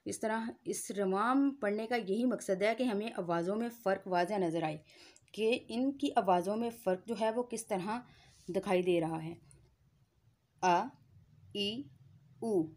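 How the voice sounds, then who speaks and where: A woman's voice: medium pitch, normal speed, darkish tone. A woman teaching Quran recitation, drilling letter sounds one by one and patiently explaining where each is formed. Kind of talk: slow tajweed lesson with repeated syllable drills.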